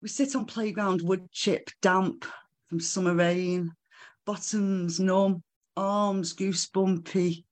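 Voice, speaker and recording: Poet at a live launch, slow unhurried delivery, casual between-poem chat. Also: mid-range voice, darkish tone. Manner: slow, measured reading broken by casual remarks and fillers. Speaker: author reading own poems. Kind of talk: live poetry reading with chatty asides. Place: live book launch event.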